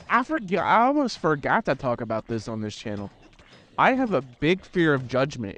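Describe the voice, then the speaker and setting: A man's voice: mid-range voice, no echo. A teenage boy hosting a gaming channel, telling a rambling, self-deprecating story in casual chat with lots of restarts. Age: teens.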